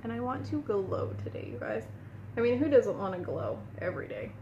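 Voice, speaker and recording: A beauty vlogger chats casually to viewers, calling them "you guys," while applying makeup in a tutorial from an indoor room at home, sniffling a little because the room is cold. Her slightly high, mellow voice swoops wildly in pitch and moves a bit fast, on a lo-fi recording with slight hiss or hum.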